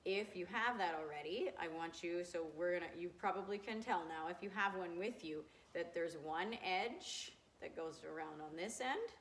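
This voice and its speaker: Gentle woman teaching young children. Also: lowish voice, slight background noise. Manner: gentle, encouraging, asks questions and answers them herself. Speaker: grade two teacher. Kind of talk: recorded remote math lesson for children.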